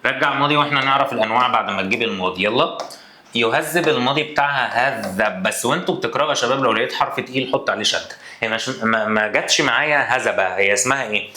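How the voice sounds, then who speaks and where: Lively Egyptian teacher, bright and echoey. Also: male voice, mid-range voice. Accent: Egyptian Arabic. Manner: playful, teasing, acts out student questions. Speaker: Arabic grammar teacher. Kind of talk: energetic classroom lesson. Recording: echoey room.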